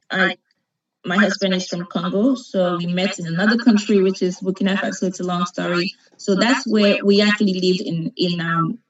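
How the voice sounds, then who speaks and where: A woman from Cameroon, not a native English speaker, giving an encouraging talk on a video call, often repeating herself and checking in with "okay?". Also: on the low side. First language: not English; French second language. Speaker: conference speaker. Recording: dull lo-fi video call audio.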